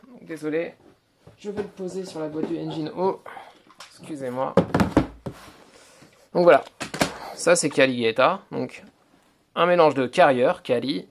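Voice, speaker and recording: Male toy reviewer, mid-pitched, fry-tinged voice, hesitant step-by-step demo delivery. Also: noisy background. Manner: hesitant, filler-heavy explaining, "donc voilà"; talks to camera while handling a toy. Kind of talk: hands-on toy review demonstration.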